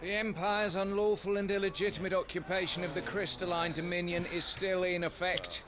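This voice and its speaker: Man acting a formal, higher-voiced stern official. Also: little pitch movement, brisk, lightly acted. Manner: formal, declamatory. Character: stern male official proclaiming orders. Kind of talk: fantasy video game acting.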